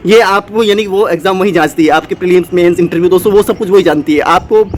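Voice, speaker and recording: High-voiced and quick, a man hosts a motivational channel and speaks without a script to students preparing for exams. He rambles with frequent fillers and restarts over slight background noise.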